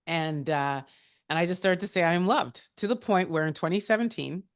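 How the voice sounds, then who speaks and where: A woman speaking as a guest on a career talk, telling personal stories in an animated, heartfelt and chatty way. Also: lowish voice, fairly quick.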